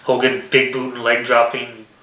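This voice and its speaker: A man's voice: mid-range voice, monotone, moderate pace, sharp tone. A man co-hosting a casual wrestling prediction chat, announcing each match and giving his picks. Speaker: podcast co-host. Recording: echoey room.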